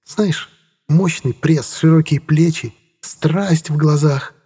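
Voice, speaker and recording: A man voicing a cool, sharp-tongued businesswoman who speaks coldly and sarcastically. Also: fairly high pitch, brisk, husky, voice pushed up. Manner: cold, sarcastic.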